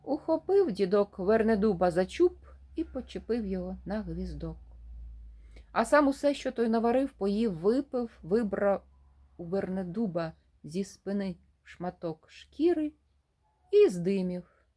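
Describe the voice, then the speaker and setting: A woman reads a folk tale aloud in an animated retelling. Her pitch swings widely as she acts out each character's lines. She sits in the middle of the usual range for a woman. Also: unhurried. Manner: animated, acts out dialogue with raised voice. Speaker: storyteller.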